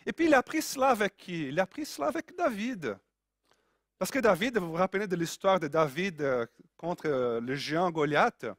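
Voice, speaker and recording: A man's voice: high voice, animated, normal speed, no echo, clean studio sound. A man preaching a sermon in a Brazilian accent, earnest and repeating key phrases for emphasis.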